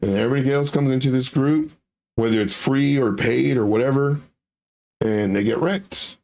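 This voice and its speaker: A man's voice: mid-range voice, moderate pace, gravelly, a little mellow. A man hosting a livestream with casual chart commentary, blunt and emphatic, repeating phrases for effect. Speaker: livestream host, crypto trading commentator.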